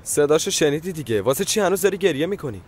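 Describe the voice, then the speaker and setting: A dismissive, impatient lover in a dubbed TV drama. He talks brusquely and a little high for a man. His lines sound short-tempered. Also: animated. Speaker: dub actor.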